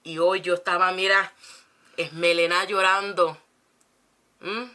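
A woman's voice: lowish voice, flat delivery, unhurried, pushed and bright. A woman preacher, preaching fervently with rhetorical questions and repeated phrases. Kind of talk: preaching to a congregation.

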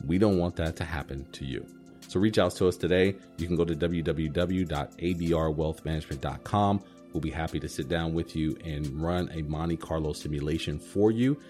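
A man's voice: rumbling low, fairly quick, mellow, faint music behind. A man hosting a podcast as a financial advisor, explaining things directly to the listener in semi-scripted talk.

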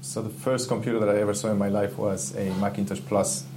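A game UI/UX artist from Ecuador, appearing as a guest in a casual interview, speaks fast in a low-pitched voice. He's enthusiastic and reflective, searching for words, and the rough recording carries a steady background hum.

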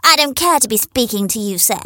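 A woman's voice: fairly high pitch, animated, a little fast, pushed and bright, no room sound, studio quality. A woman voicing a proud, haughty speckled hen in a storybook reading, prim and lofty.

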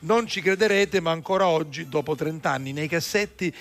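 A man co-hosting a casual chat show, reading out listener messages with lively asides. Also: on the high side, brisk. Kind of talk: casual radio-style chat.

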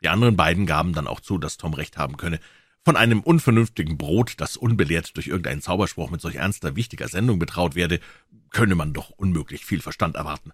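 A man narrates a classic adventure novel in a very low, husky voice. The recording is dry and close, and his reading moves in a measured, lilting way. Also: lively intonation, no echo.

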